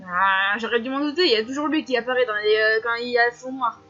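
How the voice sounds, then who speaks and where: A woman's voice: on the high side, fast, pushed and bright. A young woman casually commenting and reading aloud while playing a story game, joking, swearing and laughing often. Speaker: let's-play gamer. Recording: slightly muffled, faint music behind.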